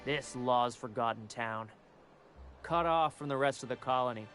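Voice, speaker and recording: A man's voice: medium pitch, moderate pace, a bit bright, clean tone, faint music behind, lightly acted. A man voicing a melancholy, nostalgic townsman in a video game, grumbling in formal, theatrical phrases. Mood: melancholy, bitter. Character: gloomy, nostalgic townsman grumbling about his lot. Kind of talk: video game dialogue acting.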